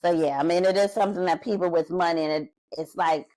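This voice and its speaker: A woman's voice: lowish voice, steady tone, fast, dark tone, dry recording, rough recording. A woman co-hosting a casual reality TV recap, blunt and shady, acting out what people said. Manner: blunt, shady, acts out quotes. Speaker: podcast co-host.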